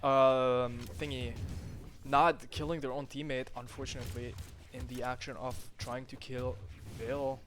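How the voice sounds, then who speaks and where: Male esports caster, rapid excitable play-by-play, mid-range voice, loose and profane with chat. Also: medium pitch, slight background noise. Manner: rapid, excitable calls with frequent fillers and casual swearing; loose, chatty asides to the stream chat between games. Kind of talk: live play-by-play game commentary.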